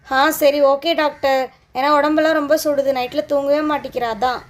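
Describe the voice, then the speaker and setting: A woman's voice: sits high, fairly even intonation, brisk. A woman voicing a worried mother doll who scolds her frightened daughter in a doll show.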